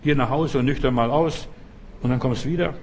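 Preacher voicing an old priest: curt, scolding and husky. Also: male voice, medium pitch, a little fast.

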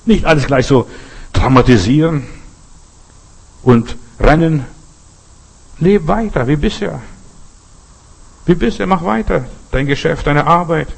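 A man's voice: fairly high pitch, lively intonation, measured pace, gravelly, long pauses, slightly rough, poor audio. An older man preaching a sermon, who speaks straight to the listener and drives his points home through emphatic repetition. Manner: addresses listener directly with repeated "weißt du".

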